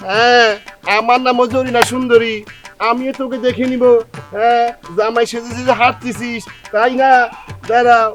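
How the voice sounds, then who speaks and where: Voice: mid-range voice, little pitch movement, moderate pace, a bit bright, lightly acted. An actor playing a flirty village woman in a comic drama, coy and pleading, with music playing faintly underneath. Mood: teasing.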